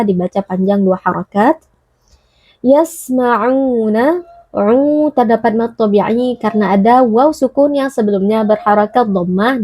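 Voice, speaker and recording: A woman teaching Quran recitation rules, explaining calmly and chanting each word slowly. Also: medium pitch, no echo. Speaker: tajwid teacher.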